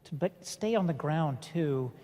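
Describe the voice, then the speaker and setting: Halting middle-aged man in a reverberant hall. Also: on the high side, lively intonation, dark tone. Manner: halting, many restarts and fillers. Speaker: panel speaker. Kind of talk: personal story at a conference panel.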